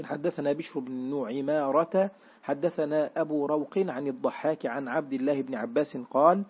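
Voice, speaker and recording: A man with a husky, slightly breathy voice reads a classical religious commentary aloud in a steady, formal recitation. His pitch sits in an ordinary middle range. The recording is dull and lo-fi, with muted highs. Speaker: reader of a classical Quran commentary.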